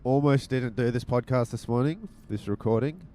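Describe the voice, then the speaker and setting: Speaking at a normal speed in a mellow mid-range voice, the man hosts his podcast while driving, chatting casually and teasing with mock sternness. There's slight background noise on the handheld mic he uses with headphones.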